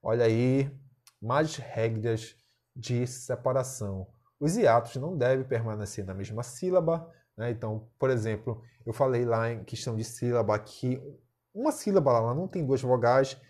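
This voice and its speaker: A man's voice: medium pitch, lively intonation, moderate pace, darkish tone. A male teacher with a Brazilian accent giving a recorded lesson, explaining step by step and often checking in with short tag questions.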